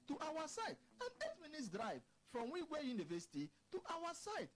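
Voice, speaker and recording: A woman with a Nigerian Pidgin accent giving a persuasive, emphatic radio sales pitch, repeating herself to press the point. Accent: Nigerian Pidgin, Port Harcourt area. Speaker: estate sales presenter.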